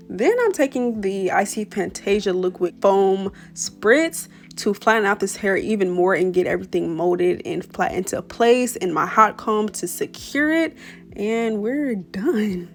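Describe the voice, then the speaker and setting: A young woman giving a casual, chatty voice-over for a hair tutorial, full of slang, small stumbles and restarts. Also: medium pitch. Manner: chatty, slangy, apologizes for stuttering. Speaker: beauty vlogger.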